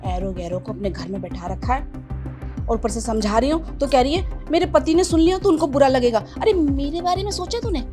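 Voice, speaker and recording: Woman as a scheming meddlesome mother, scolding, taunting, high-pitched, faint music behind. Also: animated, brisk, warm tone. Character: scheming meddlesome middle-aged mother, sharp-tongued. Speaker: mother-in-law character. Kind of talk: family drama acting.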